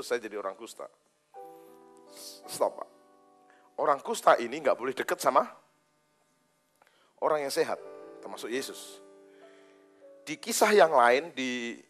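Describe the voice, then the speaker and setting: A man preaching a sermon as pastor, swinging dramatically between loud outbursts and hushed lines. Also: medium pitch. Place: church hall.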